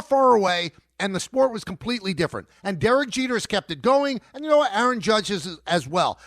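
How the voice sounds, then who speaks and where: Casting: middle-aged male sports radio host, high lively voice, emphatic and combative, dry studio sound. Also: no room sound. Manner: emphatic, argumentative, repeats points.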